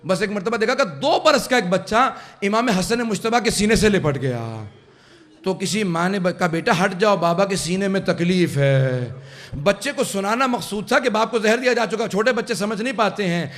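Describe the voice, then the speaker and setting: A man's voice: sits high, expressive, a bit bright. A man preaching a mourning sermon who tells the story to the gathering and builds into impassioned, tearful recitation. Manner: addresses the audience directly. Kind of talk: Urdu majlis sermon. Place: religious centre hall.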